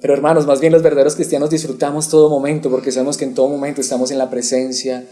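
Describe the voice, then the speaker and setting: A man's voice: mid-range voice, little pitch movement, racing, mellow. A man preaching an expository sermon to his congregation, asking them questions and waiting for them to answer. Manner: asks the congregation questions and waits for replies. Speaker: pastor.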